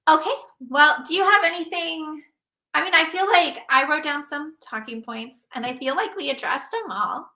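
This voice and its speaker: A woman's voice: sits high, moderate pace, sharp tone. A woman hosting a casual podcast, chatty and upbeat with many fillers. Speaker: host.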